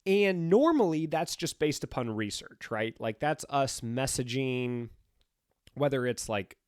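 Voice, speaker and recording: A man's voice: mid-range voice, expressive, measured pace, clear, resonant tone, no room sound, clean studio sound. A man co-hosting a casual podcast with joking banter, his voice nasal and stuffed up as if his nose were pinched by a cold. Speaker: podcast co-host. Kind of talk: casual unscripted podcast chat.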